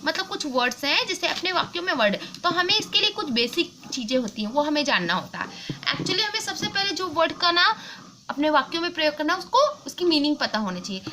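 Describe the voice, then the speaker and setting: A woman's voice: extremely high pitch, sing-song, a little fast, background noise. A woman teacher explaining English words and their meanings, mixing in Hindi and checking in with her students. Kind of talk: online class lesson.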